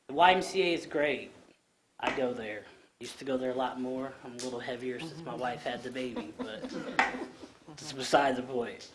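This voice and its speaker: At the council chamber podium, an earnest man in his thirties with a low voice gives public comment into the microphone, stumbling through ums and restarts. The background is noisy.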